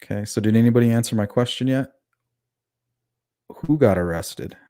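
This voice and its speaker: In casual true-crime livestream commentary, the host, a man with a lisp, reads the chat out loud and talks with his audience, asking them questions. He has a medium-pitched, warm voice at normal speed. The audio is studio quality with no room sound.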